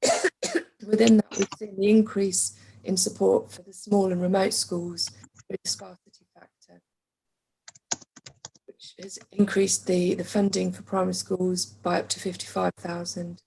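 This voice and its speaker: A woman with an English accent who is losing her voice, presenting school funding figures to a council meeting over a video call in a measured way with frequent ums. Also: medium pitch, level tone, gravelly, warm tone, a little hiss or hum. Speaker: council finance officer.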